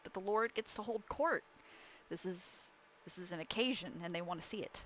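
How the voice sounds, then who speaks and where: A woman's voice: on the low side, moderate pace, fairly bright tone, highs cut off, a little hiss or hum. A woman running a tabletop game, improvising descriptive narration in an informal way. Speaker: game master.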